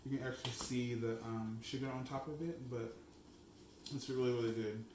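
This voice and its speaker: A young man chatting away in his home kitchen, excitable and loose, filling every pause with "like". His voice sits at an ordinary middle pitch. The room bounces his voice back, with a faint hum of noise behind him. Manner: chatty and excitable, heavy use of "like". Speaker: food blogger host. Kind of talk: casual cooking vlog. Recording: echoey room.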